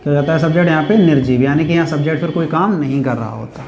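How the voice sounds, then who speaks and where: A man with a North Indian accent teaches a grammar class step by step, repeating key points and answering his own questions. His slightly high, a little mellow voice moves very fast, in an echoey room with faint background noise.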